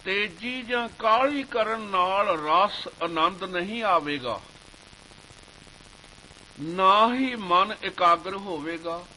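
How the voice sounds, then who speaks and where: A man giving a slow devotional sermon, reciting scripture verses in a measured chanting cadence. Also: high voice, sharp tone, slight background noise, poor audio. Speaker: Sikh preacher.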